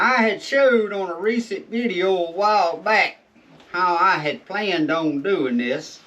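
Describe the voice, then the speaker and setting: A man's voice: sits high, fairly bright tone. A man with a Southern US accent hosts a casual, folksy how-to vlog, his drawling speech slightly muffled by chewing tobacco in his lip. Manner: folksy, drawling informal talk. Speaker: video host. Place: shed. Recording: distant mic, dull lo-fi sound.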